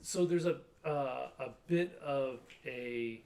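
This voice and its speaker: A man running a tabletop game as game master, narrating in a relaxed way with frequent pauses. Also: mid-range voice. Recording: distant mic with faint noise.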